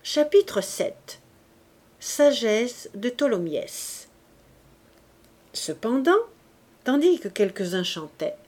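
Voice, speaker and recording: A woman reading a classic novel aloud as an audiobook, in a measured, careful narration. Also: fairly high pitch, dark tone. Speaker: audiobook reader. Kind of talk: literary narration.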